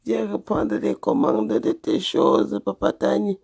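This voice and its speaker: A woman with a Cameroonian French accent talks animatedly in a casual vlog. She teases and repeats phrases in a sing-song way, and her voice has a gravelly edge. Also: medium pitch, big pitch swings, a little slow, a little mellow. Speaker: vlogger. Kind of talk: casual chat.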